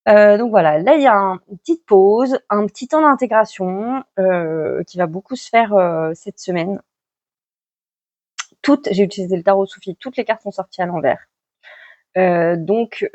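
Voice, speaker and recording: A woman's voice: lowish voice, darkish tone, no room sound, highs cut off. A woman reading tarot cards for weekly guidance in a casual, chatty way, with many fillers and self-corrections. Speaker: tarot card reader giving weekly guidance. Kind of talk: casual spoken vlog.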